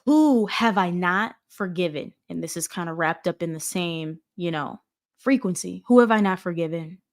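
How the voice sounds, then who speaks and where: A woman hosting her own show, giving an earnest, rambling spiritual self-help talk that corrects itself as it goes, with sudden animated bursts. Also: lowish voice, moderate pace. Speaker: host.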